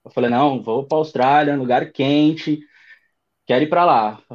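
Relaxed thirty-year-old São Paulo man. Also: mid-range voice, moderate pace, highs cut off. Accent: São Paulo Brazilian Portuguese. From Brazil. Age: 30s. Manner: relaxed storytelling with many fillers. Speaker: guest. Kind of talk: casual interview chat.

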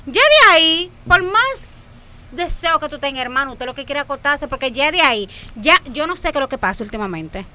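A woman who talks in a lively, emphatic way and repeats her points during a casual podcast chat. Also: high voice, normal speed. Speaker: guest.

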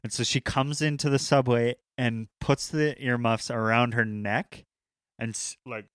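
A man's voice: medium pitch, steady tone, unhurried, fairly bright tone, clean tone, no echo. A man in casual chat, talking loosely with slang and swearing.

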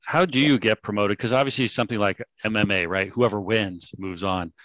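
A man from California with a fairly low voice interviews his guest, asking long, curious questions that wander before they land. His voice is dry and close to the mic. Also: fairly quick, fairly bright tone, no echo, rough recording. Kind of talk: casual interview talk.

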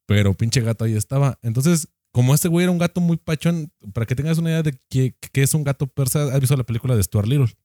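A young man with a Mexican accent telling a profane, animated anecdote in casual chat. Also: mid-range voice, quick pace, few pauses, no room sound, clean studio sound. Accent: Mexican Spanish.

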